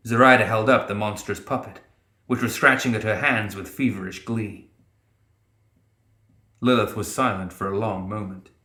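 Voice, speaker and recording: A male audiobook narrator reads scripted fiction dramatically in a fairly low, forceful voice, at normal speed with fairly even intonation and long pauses. The room adds a noticeable echo around his voice.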